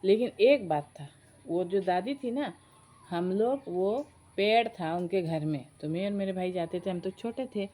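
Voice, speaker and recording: A woman's voice: medium pitch, unhurried, poor audio. A woman, chattily telling a family story to her viewers. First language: Sylheti Bengali. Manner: chatty, addresses friends, animated retelling. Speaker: vlogger. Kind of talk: casual storytelling.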